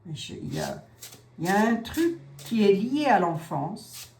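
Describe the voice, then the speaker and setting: A woman's voice: medium pitch, very animated, measured pace, darkish tone. A woman giving a casual psychic card reading, musing aloud, hesitating and repeating herself as she goes. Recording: echoey room with faint ambient noise.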